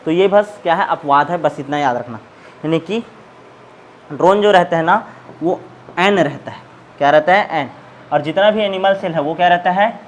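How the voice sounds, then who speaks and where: A man's voice: on the high side, normal speed, pauses often, slight background noise. A male biology teacher giving a classroom lecture, asking questions and answering them himself while repeating key terms.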